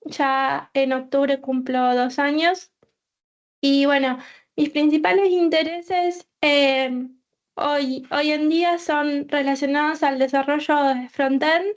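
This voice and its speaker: A woman's voice: high voice, fairly even intonation, takes it slowly, muffled recording. A woman from Argentina with an Argentine Spanish accent, a full stack developer giving a tech talk, hesitant and full of filler sounds.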